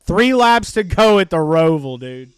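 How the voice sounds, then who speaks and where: A man hosting a live race stream, giving excitable, profane, jokey commentary. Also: a little high, unhurried, smooth, dry recording, clean studio sound.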